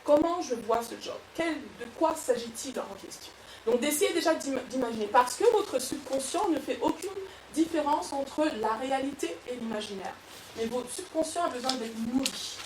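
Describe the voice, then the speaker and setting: A woman coach giving a lively motivational workshop talk to an audience, with frequent restarts. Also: sits high, moderate pace, a little hiss or hum. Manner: lively, animated, with many restarts. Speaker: personal development coach. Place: event room with an audience. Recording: echoey room, far from mic.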